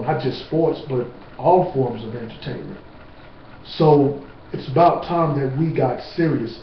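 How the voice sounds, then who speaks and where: A man giving an informal lecture to camera, slow and emphatic, with blunt street-talk asides. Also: medium pitch. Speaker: speaker on natural remedies. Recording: distant, roomy, dull with faint hiss.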